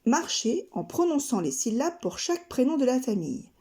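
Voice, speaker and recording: A woman from France, a kindergarten teacher narrating a scripted lesson, speaking slowly and carefully articulating each syllable. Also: high-pitched, very animated, dark tone. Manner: slow, carefully articulated, splitting words into syllables.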